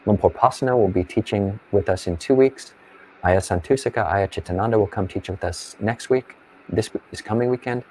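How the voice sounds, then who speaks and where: A man's voice: fairly low pitch, fairly quick, darkish tone, a little hiss or hum, low-quality recording. A man who is a Buddhist monk, chatting casually and unscripted as a guest.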